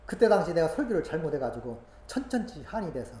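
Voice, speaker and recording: A woman preaching a sermon full of personal testimony, swinging from hushed asides to loud, emotional exclamations. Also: low-pitched, sing-song, fast. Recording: roomy echo, faint background noise.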